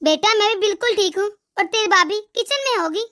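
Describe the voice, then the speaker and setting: A woman voicing an older mother in an animated moral story, doting and full of blessings. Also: very high voice, brisk. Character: older mother, affectionate to her daughter.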